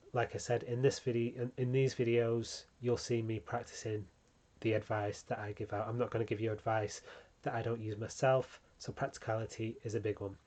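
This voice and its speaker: A man hosting a branding tutorial, talking casually with frequent ums and small restarts. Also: mid-range voice. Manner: relaxed, many ums, self-correcting. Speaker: channel host teaching branding.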